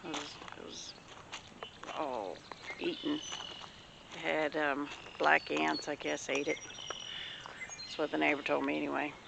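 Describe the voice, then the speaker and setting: A folksy Southern US woman with a heavily creaky, gravelly voice on the lower side for a woman. She rambles in plain-spoken, homespun show-and-tell fashion. The recording is outdoors, with loud background noise and birds. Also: flat delivery, a little slow, pauses often. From the American Deep South. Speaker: homesteader vlogger. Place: outdoors in a rural yard.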